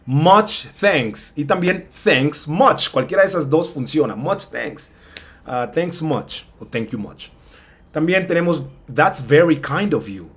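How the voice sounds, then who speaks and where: A man teaching in a casual spoken lesson, slowly stretching out example phrases and acting out short dialogues with shifted voices, checking in often with "ok?". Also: on the high side, expressive, fairly bright tone. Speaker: English teacher.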